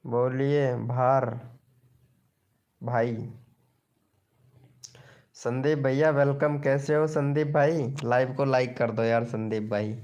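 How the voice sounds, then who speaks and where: Young male live streamer, unhurried and clear-voiced, chatty and teasing with viewers. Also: mid-range voice, steady tone, darkish tone. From Rajasthan, India. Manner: chatty, teasing, pleading for likes. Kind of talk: casual live chat reading comments.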